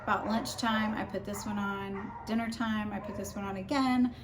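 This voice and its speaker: A woman's voice: medium pitch, fairly even intonation, normal speed. A woman vlogger chatting casually and informally as she explains practical tips. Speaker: vlogger giving a personal recovery update. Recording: clear background noise.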